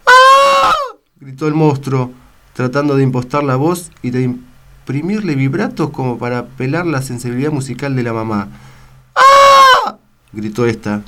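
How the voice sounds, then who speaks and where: A man reading a grim story aloud on the radio, going from hushed to loud. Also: mid-range voice. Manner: expressive, swings from hushed to loud. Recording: loud noise on radio recording.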